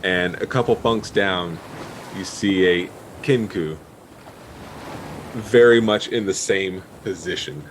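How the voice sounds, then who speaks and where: A man narrating a tabletop game as game master, in a halting, pausing way. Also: low voice, slight background noise. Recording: faint sea and boat ambience behind.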